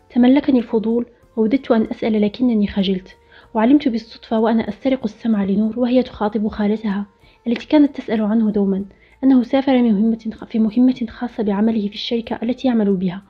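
A woman narrating a story in the first person, reading a steady scripted account. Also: fairly high pitch, husky. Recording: dull lo-fi recording with faint music.

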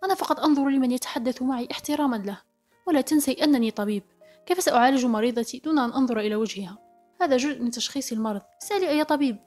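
A woman's voice: on the high side, fast talker, a little mellow, faint music behind, close to an everyday voice. A woman voicing a proud young male doctor who speaks in a curt, mocking way. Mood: indignant.

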